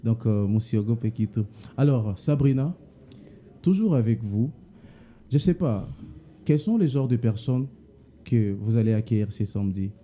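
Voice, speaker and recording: A man with a Congolese accent hosting an interview, putting questions in a halting way and repeating words. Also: mid-range voice, lively intonation, warm tone, a little hiss or hum. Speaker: interviewer, host.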